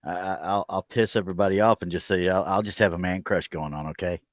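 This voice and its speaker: Fast-talking co-host guy, lowish voice, stammers, jokey. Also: fairly even intonation, dry recording, clean studio sound. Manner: stammering, joking, rushes his words. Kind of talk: casual banter.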